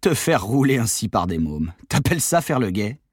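A man voicing a calm, commanding father who speaks with smooth false reassurance. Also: lowish voice, normal speed, dry recording, clean studio sound, voice pushed up. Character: calm authoritative father secretly in league. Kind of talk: audiobook character voice.

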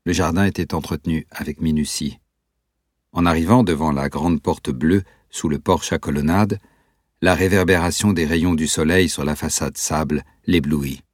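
Narrateur à la voix très grave et voilée. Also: male voice, very deep voice, fairly even intonation, dry recording, studio quality. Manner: measured, descriptive reading. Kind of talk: scripted audiobook narration.

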